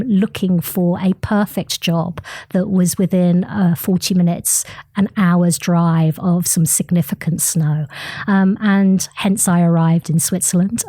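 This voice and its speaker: A middle-aged woman talks through her career as an interview guest. Her voice is dark and mellow and sits a little low, and she pads it with frequent ums and uhs. The sound is close and dry. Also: no echo. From United Kingdom. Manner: chatty, frequent ums and uhs, animated retelling. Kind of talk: interview conversation.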